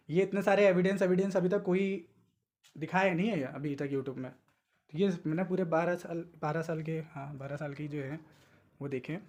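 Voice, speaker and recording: A young man teaching exam tricks in a casual, coaxing lesson, often slipping into English and reading statements aloud slowly. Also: sits high, a little mellow. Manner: chatty, coaxing, mixes English words and reads English statements slowly. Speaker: exam coaching tutor. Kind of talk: informal exam-tips lesson.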